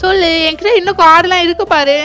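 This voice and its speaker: A woman voicing a kind young father in a doll show, gentle and reassuring. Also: extremely high pitch, quick pace, soft background music.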